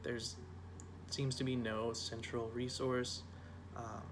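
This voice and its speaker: A man's voice: mid-range voice, flat delivery, slow, noisy background. A man in his twenties, a student advocate, speaking plainly and searching for words in a testimonial interview. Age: 20s.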